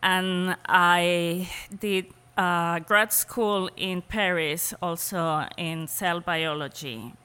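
A woman with a Spanish accent talks slowly and thoughtfully as an interview guest, laughing easily between points. Her voice is low-pitched yet bright and very clear. The room carries a long reverberant tail. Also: fairly even intonation. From Spain. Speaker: cheesemaker guest. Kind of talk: casual interview conversation.

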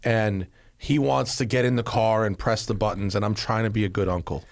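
A man's voice: fairly low pitch, fairly even intonation, gravelly, no echo. A man hosting a podcast, reading listener questions and chatting casually. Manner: reads listener questions, quick to agree. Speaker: podcast host. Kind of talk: casual chat.

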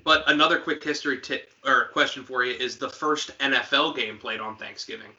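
Man cohosting a sports podcast, bright voice, quizzes his buddy and cracks jokes. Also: medium pitch, fairly even intonation, highs cut off. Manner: quizzing, joking, quick asides. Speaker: podcast co-host. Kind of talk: casual sports chat.

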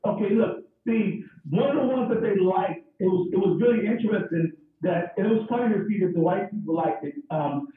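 A man's voice: high voice, brisk, few pauses. A man, a stand-up comedian, telling stories in casual chat over a video call, acting out voices as he goes. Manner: animated, acts out voices and dog sounds. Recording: echoey, distant, phone-like call audio.

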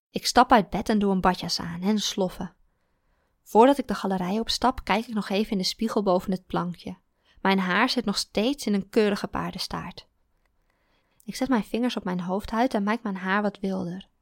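A woman narrates a first-person story in a calm, even way. Her mid-pitched voice has a gravelly, creaky texture, and the recording is dry, with almost no room sound. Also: no room sound.

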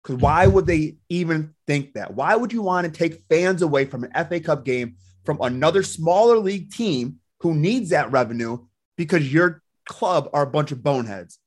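A man's voice: fairly high pitch, expressive, normal speed. A man talking casually as a football fan on a podcast panel. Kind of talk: casual sports chat.

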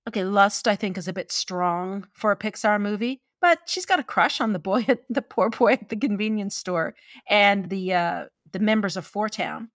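A woman from gives conversational opinion commentary on film, expressive and opinionated, with wry asides. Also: mid-range voice, moderate pace, no room sound, studio quality. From Newfoundland, Canada.

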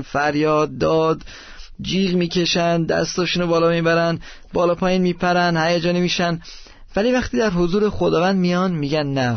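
A man teaching about worship in an earnest manner, pausing as he lists words. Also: on the high side, no echo. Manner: earnest, listing words with pauses. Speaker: preacher. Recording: dry, dull lo-fi recording.

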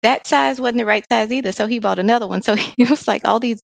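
A woman's voice: a little high, fast talker, creaky, no room sound. A woman co-hosting a casual podcast chat, telling a laid-back anecdote. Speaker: co-host, physician.

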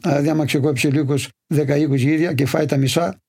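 Gravelly herder. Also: male voice, fairly high pitch. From Imathia, Greece. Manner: detailed, steady storytelling. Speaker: livestock farmer. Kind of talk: interview answers.

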